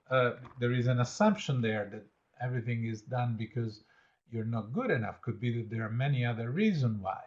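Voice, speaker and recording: An Italian-born workshop trainer with an Italian accent runs an online training session, his mid-range voice heard through a muffled recording. He encourages participants, reads their answers aloud, praises them and keeps saying "absolutely".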